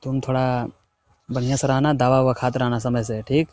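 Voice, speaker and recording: A young man from India, a husband working away from home, chats casually with his wife on the phone, teasing and coaxing her. His medium-pitched voice is darkish, with little pitch movement and a moderate pace.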